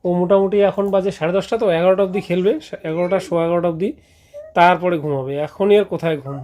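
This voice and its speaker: A man's voice: high-pitched, steady tone, rapid-fire, mellow. A man in casual family chat at home, teasing his small son. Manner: teasing, talks to the child.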